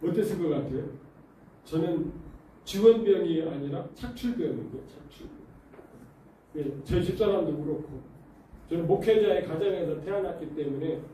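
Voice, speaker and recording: Echoey, dark-voiced male pastor preaching. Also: on the high side, normal speed, recorded from a distance, a little hiss or hum. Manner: animated storytelling with rhetorical questions to the congregation. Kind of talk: sermon. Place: church sanctuary. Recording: very echoey church hall, voice off-mic.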